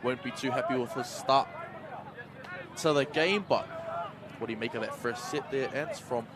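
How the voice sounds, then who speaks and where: A man with a broad New Zealand accent giving animated live sports commentary as the lead caller. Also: medium pitch, moderate pace. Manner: animated announcer delivery. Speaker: lead rugby league commentator. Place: outdoor sports ground. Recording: noisy outdoor ground, loud crowd. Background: loud crowd and outdoor noise.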